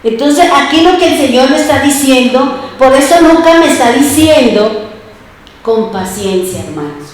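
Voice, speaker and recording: A woman's voice: high voice, moderate pace, very echoey, low-quality recording. A woman preacher giving an emphatic sermon, asking her congregation rhetorical questions. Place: church.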